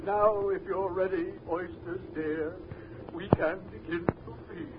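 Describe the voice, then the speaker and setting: A man voicing a pompous, sentimental walrus in a storybook recording, speaking slowly and drawn out. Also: high voice, fairly even intonation, background noise. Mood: solemn. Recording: tinny lo-fi old record.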